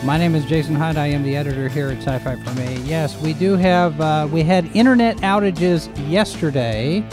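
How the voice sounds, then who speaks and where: Guy hosting a livestream, slightly high voice, casual news chat, keeps wandering off, faint music behind. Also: normal speed. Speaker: host and editor of a live show.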